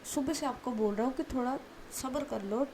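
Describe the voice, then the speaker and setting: A woman's voice: high voice, normal speed, darkish tone, a little hiss or hum, pitched above the performer's own voice. Woman playing a reassuring young man. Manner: reassuring, then scolding. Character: young man soothing his anxious elder sister figure.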